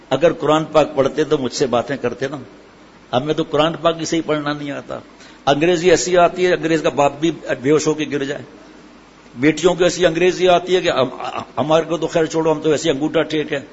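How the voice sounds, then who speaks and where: A middle-aged man preaching a sermon, asking his listeners questions and answering them himself. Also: a little high. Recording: hall echo, dull sound, faint ambient noise.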